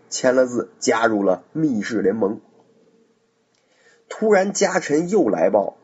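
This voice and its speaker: A man's voice: mid-range voice, a little mellow, breathy edge. A man narrating a classic tale in a chatty, casual way, with asides to the listener. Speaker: storyteller. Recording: dull lo-fi recording.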